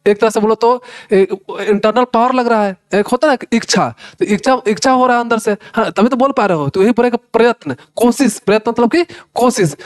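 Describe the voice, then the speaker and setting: Man, teacher, casual Hinglish-style lecture, high-pitched voice, chatty and repetitive, keeps checking the class follows. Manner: repeats "है ना" and "भाई साहब", sounds out letters; conversational, addresses students directly.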